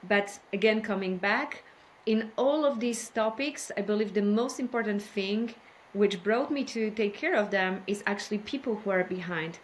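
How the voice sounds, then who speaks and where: Lady on a podcast, talks slow and careful, lots of uh's. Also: medium pitch, slight background noise. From Poland. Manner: careful, measured, with many fillers. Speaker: podcast guest, healthcare innovation expert. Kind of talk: casual interview talk.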